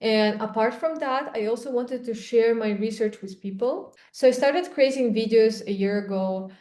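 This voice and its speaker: A young woman from Kazakhstan with a Kazakh accent and a fairly high, warm voice at normal speed. She's a microplastics researcher answering interview questions about her work in an explanatory way, with frequent ums and restarts, recorded in an echoey room.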